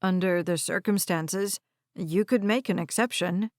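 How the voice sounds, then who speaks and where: A greedy, scheming man, voiced by a woman narrator, smooth and pushy in his speech. It is a dry, close audiobook recording. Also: fairly low pitch, a little slow, no room sound, close to an everyday voice. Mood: insistent.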